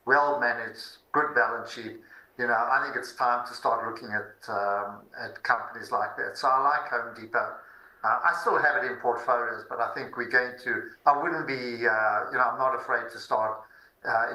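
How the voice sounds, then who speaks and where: A man with a very sharp, forceful voice shares investment views off the cuff. He is heard in an echoey room. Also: medium pitch. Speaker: investment professional guest. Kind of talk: unscripted market commentary.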